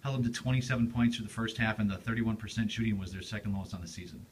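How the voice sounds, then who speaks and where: A man interviewing a coach after a game, opening with a brisk announcer-style intro. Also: on the low side, steady tone, slight background noise. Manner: brisk, scripted-sounding intros. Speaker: team broadcaster interviewer. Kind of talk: postgame interview questions.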